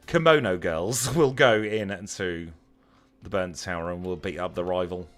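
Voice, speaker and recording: A man from Lancashire in northern England chats casually during a livestream as he plays a video game, wry and self-deprecating in his Lancashire accent. His voice is deep and fairly bright, his pace a little slow, and faint music plays behind him.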